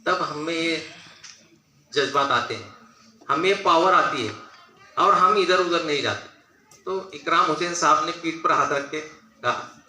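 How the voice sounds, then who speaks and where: Bright older man speaking in an echoey hall. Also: on the high side, a little slow, long pauses, far from the mic. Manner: earnest, anecdotal, preachy. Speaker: guest speaker at a school function. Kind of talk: public speech.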